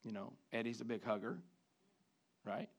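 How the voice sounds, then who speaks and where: Gravelly preacher man, loud then soft. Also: on the low side, little pitch movement, moderate pace. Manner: preaching with sudden loud rises and soft drops, mimicking guys. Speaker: pastor. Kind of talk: sermon.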